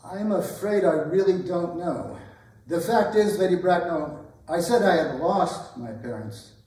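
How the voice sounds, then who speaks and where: Man doing a polite nervous gentleman suitor in a stage comedy, earnest, a bit high voiced, far from the mic in a boomy hall. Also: animated, a little slow. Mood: sheepish explaining. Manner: polite, formal, apologetic. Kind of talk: theatrical readers' theatre performance of a period comedy. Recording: echoey hall, distant microphone.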